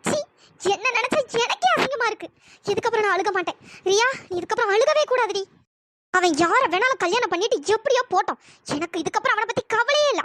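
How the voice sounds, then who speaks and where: A voice actor playing a young wife in a cartoon story, heartbroken and bitter, with a high pitch-shifted voice. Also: pushed and bright, no echo, clean studio sound, exaggerated voice. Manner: wailing then scornful.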